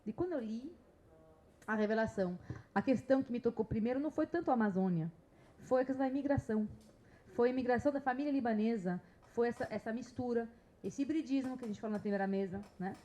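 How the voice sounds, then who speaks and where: A woman's voice: fairly high pitch, fast, mellow. A woman with a slight Bahian Brazilian accent, a literature scholar speaking chattily on a panel with frequent tag questions. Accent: slight Bahian Brazilian Portuguese. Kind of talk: panel talk.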